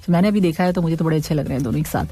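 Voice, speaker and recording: A woman's voice: deep voice, racing, mellow. A woman hosting an evening radio show, chatting casually, reading listener messages and poetry, and laughing often.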